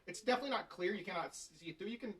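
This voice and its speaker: A man hosting a casual beer tasting chat, talking quickly and joking around with his co-host. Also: high voice, a loud crowd. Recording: distant mic with faint noise.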